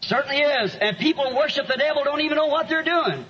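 A man, preaching a sermon with an interpreter and telling stories that rise to shouts. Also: very high voice, brisk. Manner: storytelling, rising to shouts. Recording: dull lo-fi sermon recording.

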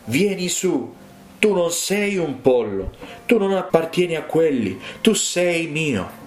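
A male preacher voicing a wise mother eagle calling down to her chick in a slow, raised voice. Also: medium pitch, sing-song, roomy sound, soft background music, lightly acted. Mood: urgent calling.

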